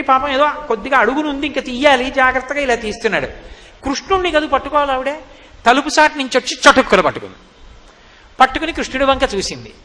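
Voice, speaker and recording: A man's voice: very high voice, bright, forceful tone, a little hiss or hum. A man telling a devotional story with dramatic exclamations, recorded in an echoey hall. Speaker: preacher.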